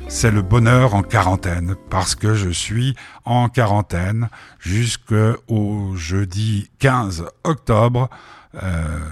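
A middle-aged man, hosting a radio show and telling a personal story in a casual, rambling way, full of hesitations and restarts. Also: on the low side. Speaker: radio host. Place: home studio during quarantine.

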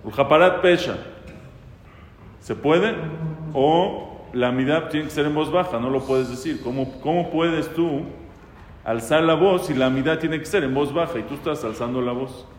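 A rabbi teaching a casual lesson on prayer law, talking conversationally, asking questions and quoting prayers aloud. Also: male voice, a little high, moderate pace, a little hiss or hum. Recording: echoey hall with faint ambience.

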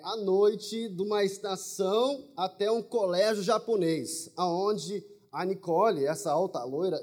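A man stands before a congregation and tells his testimony as a lively story, often breaking off to speak to the crowd. His voice sits fairly high and has a husky edge. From Brazil. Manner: storytelling, humorous, with asides to the audience. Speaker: preacher.

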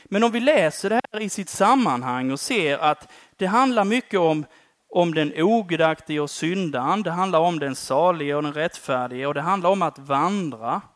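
A man preaching a sermon in a conversational way, often tagging his phrases with a questioning "va?" and swinging between loud emphasis and quiet endings. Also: fairly high pitch, lively intonation, no room sound, clean studio sound.

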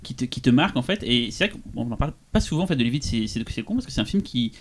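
Quick-talking male interviewer. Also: medium pitch, lively intonation. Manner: fast, hesitant, many fillers. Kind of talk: casual interview.

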